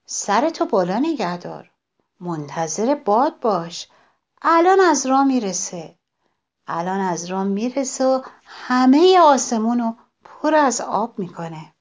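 A woman voicing a patient, hopeful old tree in a children's storybook, speaking gently. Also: fairly high pitch, big pitch swings. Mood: reassuring.

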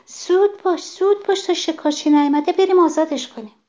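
A woman voicing a frantic little bird in a children's story, calling out high and urgent. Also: a little mellow. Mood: worried. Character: frantic little bird who flies and pecks.

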